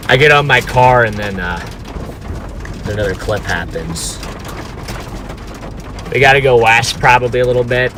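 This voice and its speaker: A man giving casual, informal livestream commentary as a storm chaser, talking to his chat from inside a car. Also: mid-range voice. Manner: informal, talks to chat while watching storm. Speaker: storm chaser live streamer. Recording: noisy car with outdoor ambience.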